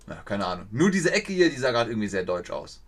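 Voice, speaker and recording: Young man, casual streamer, thinks out loud, chats with viewers. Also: lowish voice, big pitch swings, fast talker. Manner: chatty, thinks aloud, reads viewer chat, stumbles over foreign names. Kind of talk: live-streamed geography game commentary.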